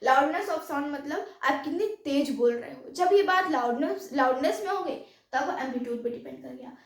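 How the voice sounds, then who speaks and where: Female science teacher lecturing a class, high-pitched, recorded from a distance in a roomy echo. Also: lively intonation, moderate pace. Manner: mixes English terms into Hindi, repeats checks like "any doubt". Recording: echoey room, voice from far off.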